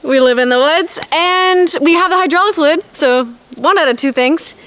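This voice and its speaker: A woman's voice: high voice, moderate pace, a bit bright. A woman in her thirties giving a casual, laughing walking tour of her forest cabin homestead, filmed on a handheld camera at arm's length outdoors. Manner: giggly, self-deprecating, laughs often. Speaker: vlogger.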